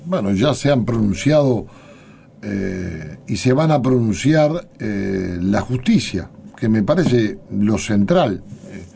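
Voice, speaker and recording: A Uruguayan man answers questions in a radio interview. His voice is dark and gravelly, and he speaks in a measured, deliberate way with many pauses. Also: on the low side, animated, a little hiss or hum. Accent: Uruguayan Spanish. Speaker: interview guest, politician.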